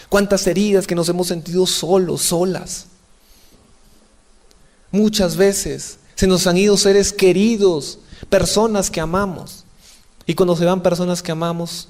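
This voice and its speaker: A young man preaching an emotional testimony sermon, impassioned and pleading, his voice rising to high cries. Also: a little mellow. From outside Colombia.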